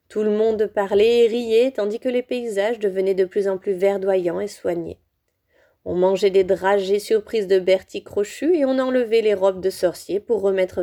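Mellow woman reading a storybook. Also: medium pitch. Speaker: audiobook reader. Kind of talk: storybook read aloud.

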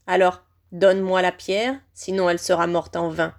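A woman voicing a menacing male dark wizard in a high, shrill voice, speaking slowly and coldly, in an audiobook reading. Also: little pitch movement, lightly acted. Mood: mocking. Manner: slow, hissing and cold, then screeching. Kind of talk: audiobook character voice.

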